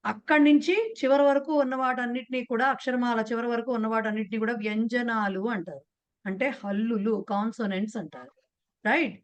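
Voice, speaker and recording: A woman with a Telugu accent teaching a beginners' class, explaining patiently and putting questions to her students. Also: fairly high pitch. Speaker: Sanskrit teacher. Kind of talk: online class lecture.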